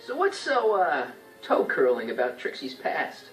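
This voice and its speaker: A man's voice: on the high side, wildly swooping pitch, unhurried, fairly bright tone, roomy sound, far from the mic, faint music behind, full character voice, rough recording. An actor voicing a breezy, persuasive teenage boy time traveler in a video game.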